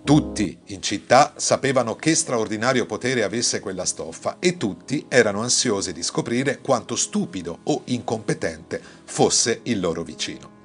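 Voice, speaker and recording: A man tells a classic fairy tale in a lowish voice, reading expressively and lifting his tone when characters speak. Quiet music plays underneath the narration. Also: animated, moderate pace. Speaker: storyteller. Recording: faint music behind the voice.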